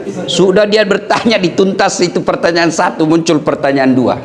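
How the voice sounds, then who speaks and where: A man's voice: high-pitched, moderate pace. A male preacher giving a humorous sermon, telling jokes and stories and acting out the voices of different characters. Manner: animated, joking storytelling with acted-out voices.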